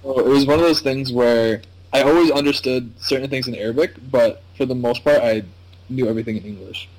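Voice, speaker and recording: A man with an American accent chatting casually as an interviewee, thinking aloud in a halting, informal way. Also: mid-range voice, darkish tone, low-quality recording. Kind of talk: casual chat.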